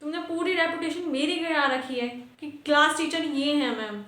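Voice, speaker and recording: A woman's voice: sits high, moderate pace, sharp tone, roomy sound. A woman playing a strict teacher in a comedy sketch, lecturing and scolding her class.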